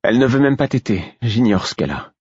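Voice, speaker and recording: A man raising his voice to play a worn-out young mother, weary and anxious, speaking at a higher pitch than he normally does. The husky voice is recorded dry and sounds muffled, like an older audiobook. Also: big pitch swings, fast, a little mellow, no echo. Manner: weary, distressed. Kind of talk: audiobook reading.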